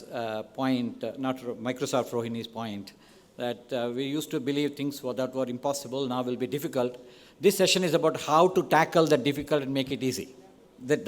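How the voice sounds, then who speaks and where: A man with an Indian accent giving an informal podium speech in a large hall, conversational and often checking in with his listeners. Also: mid-range voice. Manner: conversational, frequent "right?" and "okay?" check-ins. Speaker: conference speaker. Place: large indoor event hall, on stage. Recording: long reverberant hall sound.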